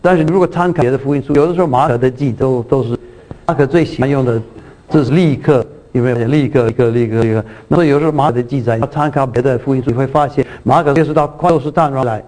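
A man preaches at a middle pitch, teaching from a Bible passage. He circles back over his words, restarts phrases and keeps asking his listeners whether they follow. When he reads scripture, his voice lifts to stress key lines. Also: fast, a little mellow, rough recording. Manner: repetitive, restarts words, checks in with the audience; reads scripture aloud with lifted emphasis.

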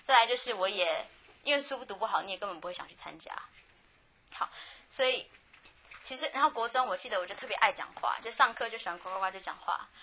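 A woman's voice: medium pitch, expressive, fast, sharp tone, husky. A woman with a Taiwanese Mandarin accent telling her life story in a frank, chatty way, with many restarts. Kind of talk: personal testimony, casual storytelling.

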